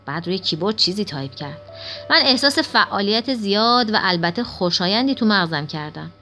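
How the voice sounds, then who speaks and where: A woman reading a first-person children's story aloud at a steady pace. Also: medium pitch, soft background music. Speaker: audiobook narrator.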